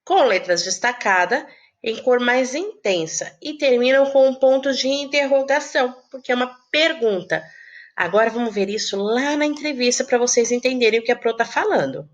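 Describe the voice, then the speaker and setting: A woman teaching a recorded lesson to young children, explaining slowly and posing questions she answers herself, with affectionate terms of address. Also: a little high, expressive, muffled recording. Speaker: primary school teacher.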